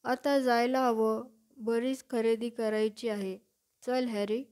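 A woman voicing a huge, good-natured giant of a man with a loud, homely way of talking. He speaks plainly and fondly, and the voice stays fairly high. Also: fairly even intonation, unhurried. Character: huge gruff kindly male gamekeeper.

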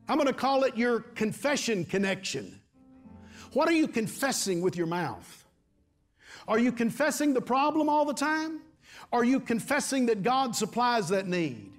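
A middle-aged man preaching a sermon to his congregation, repeating his phrases and calling for amens. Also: very high voice. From Texas. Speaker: pastor. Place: large church stage before a congregation.

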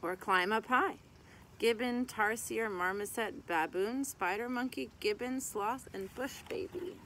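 Poor audio captures a woman in her thirties reading a picture book to children outdoors, next to a garden tree, with birds and a rooster audible. Her voice is a little high, a bit bright and a little slow, and she goes phrase by phrase like a teacher, adding short asides.

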